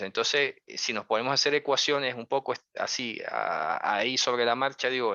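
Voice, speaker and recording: A man explains a religious lesson conversationally, peppering it with rhetorical questions and check-ins and hedging his interpretations cautiously. His mid-range voice comes across pushed and bright, in a dull, dry lo-fi recording with no room sound.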